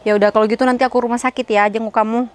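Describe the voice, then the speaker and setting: A woman's voice: fairly high pitch, flat delivery, very fast, lightly acted. A woman playing a chatty, bossy young woman hunting for a house, talking to herself and nagging on the phone, in an amateur skit.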